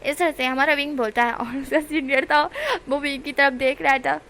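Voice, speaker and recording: A woman's voice: sits high, steady tone, moderate pace, a bit bright. A woman retelling a story in a chatty, casual way, repeating herself and using fillers. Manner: chatty, repetitive narration with fillers.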